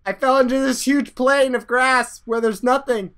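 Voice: high voice, fairly even intonation, moderate pace, a bit bright, voice pushed up. A gamer voicing a small, panicky male astronaut creature in a yelping, frantic voice. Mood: relieved, dazed.

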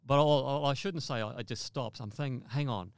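A man from Australia, a mountaineer guest in an interview, telling a vivid story in a halting way with repeated words. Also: medium pitch, clean tone, no echo.

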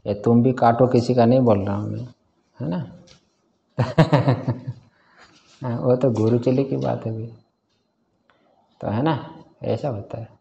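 A man's voice: mid-range voice, takes it slowly, vocal fry, long pauses, dark tone, highs cut off. A man teaching a scripture class in a casual way, often quizzing his students and chuckling. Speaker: Vedanta teacher.

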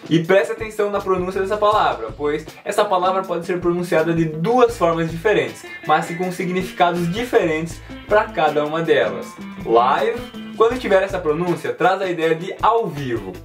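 A man teaching an English lesson, clearly and didactically, repeating words slowly. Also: high voice, distant mic, faint music behind. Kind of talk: language lesson.

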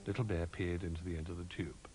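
A man narrating a children's storybook in an animated, sing-song manner. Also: low voice, fast talker. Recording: music under narration.

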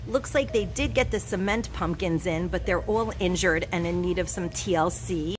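A woman's voice: fairly low pitch, a little mellow. A middle-aged woman giving a gushing, enthusiastic shop-with-me narration, filming on a handheld phone inside a discount store. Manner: gushing, enthusiastic product descriptions. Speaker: shopping vlogger. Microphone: handheld phone camera.

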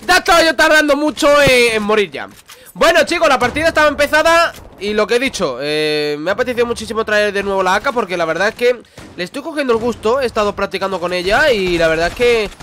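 A man with a Spain Spanish accent talks through a shooter match, exclaiming and scolding himself as he plays. His voice sits high and swings widely in pitch. Game gunfire rattles clearly behind him. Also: fast talker, a little hiss or hum. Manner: excitable, exclaiming and talking to himself. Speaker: gaming youtuber. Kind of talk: live gameplay commentary. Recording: gameplay audio with gunfire behind.

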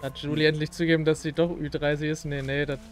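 A man's voice: on the high side, little pitch movement, fast. A man in casual gaming chat with friends, talking in a wry, teasing way. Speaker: gamer in a group of friends.

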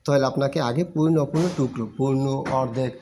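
A man teaching Arabic letter sounds, drilling the class with slow, sing-song repetition. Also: medium pitch, fairly even intonation, dark tone, slight background noise. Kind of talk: recorded Arabic letter lesson.

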